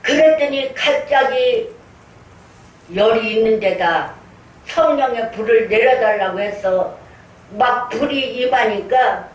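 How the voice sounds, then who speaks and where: Her voice a little high and her delivery slow, an older woman pastor earnestly recounts her own experience in a sermon, acting out the prayers she prayed. The church sanctuary sounds echoey, picked up by a distant mic with faint noise.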